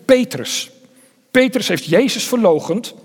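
A man preaching a sermon in an earnest way, often repeating words and dropping into hushed tones. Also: high voice, expressive, measured pace, husky, long reverb tail.

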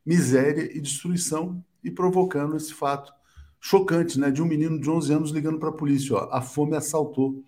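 A man hosting a political live stream, talking conversationally with quick asides and tag questions. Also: fairly high pitch, steady tone, warm tone.

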